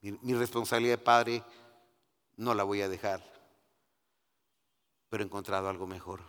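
Man, middle-aged, sermon testimony, long church reverb, quiet then emphatic, calls listeners brother. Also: lowish voice, steady tone, moderate pace, smooth. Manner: swings from hushed confiding to loud emphatic preaching; keeps addressing listeners as brother. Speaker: preacher giving testimony.

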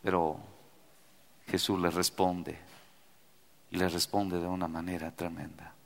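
A man preaching a sermon as pastor, swinging between loud cries and hushed prayer. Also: deep voice, flat delivery, unhurried, gravelly. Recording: long hall reverb.

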